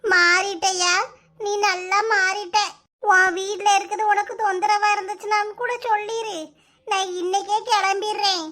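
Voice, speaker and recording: A woman voicing a shrill old mother-in-law. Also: level tone, normal speed. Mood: wounded. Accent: Kanyakumari Tamil. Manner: loud, wailing and self-pitying. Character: scolding old village mother-in-law, dramatic. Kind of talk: cartoon voice acting.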